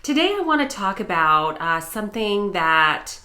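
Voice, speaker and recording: This middle-aged American woman is a vlogger and news anchor speaking to camera in a personal vlog. Her medium-pitched voice is sing-song and moves at a normal speed, and she tells her story warmly, with earnest enthusiasm.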